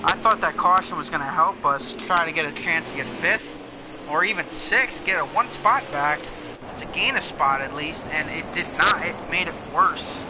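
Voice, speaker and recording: A man hosting a gaming video, giving casual, excitable commentary that talks through every moment of his play. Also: fairly high pitch, moderate pace. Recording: clear engine noise under voice. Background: racing game car engines.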